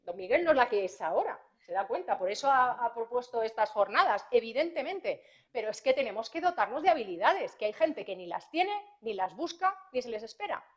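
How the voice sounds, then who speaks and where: A woman, speaking as a prosecutor at a conference in a fairly high voice. She talks in a lively, anecdotal way and slips into the voices of parents and teens as she tells her cases. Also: a little fast.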